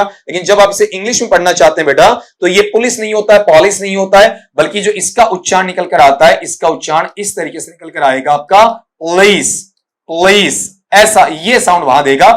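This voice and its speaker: A man with a notably high-pitched voice leads an exam-prep English class, drilling word sounds over and over. He addresses his students fondly as "beta" and breaks each word into its sounds. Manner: drills words by repeating them, calls students "beta". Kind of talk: pronunciation lesson lecture.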